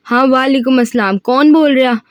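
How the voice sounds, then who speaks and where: A loud, rustic mother with a broad Punjabi accent, put on by a woman reader, scolding and doting by turns in a thickened, raised voice. This storybook figure sits higher than a plain voice. The sound is dry and close to the mic. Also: fairly even intonation, moderate pace, dry recording, close to an everyday voice. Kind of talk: audiobook reading of a novel.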